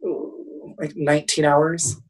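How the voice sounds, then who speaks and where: A man's voice: on the high side, little pitch movement, takes it slowly, husky, far from the mic, poor audio. A young man in his twenties, a motivational speaker guest, telling a funny story in a casual, laughing way.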